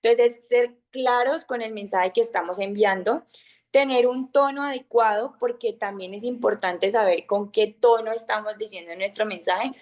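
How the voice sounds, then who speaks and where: Loud, lively young woman teaching. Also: moderate pace. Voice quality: high, loud speaking voice. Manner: loud, lively, with acted-out examples and fillers. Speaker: speaker of an online masterclass. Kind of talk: informal talk on communication.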